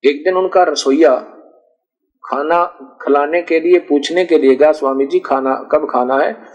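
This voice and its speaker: A man's voice: on the high side, measured pace, poor audio. A man preaching in a conversational storytelling way, acting out dialogues and often correcting himself mid-word. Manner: rustic, conversational, recounts dialogues with self-corrections. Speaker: spiritual preacher. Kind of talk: storytelling sermon.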